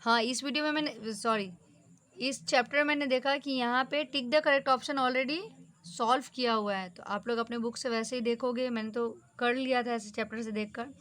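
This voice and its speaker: A woman teacher giving a brisk, exam-focused lesson, slipping English terms into her instructions. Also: on the high side, steady tone, a bit bright.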